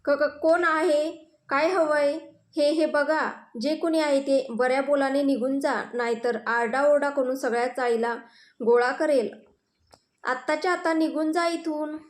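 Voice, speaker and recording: A woman voicing an older mother who is scared and anxious, stammering and urging quiet. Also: sits high, measured pace. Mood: frightened. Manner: fearful, stammering, urgent hushed pleas.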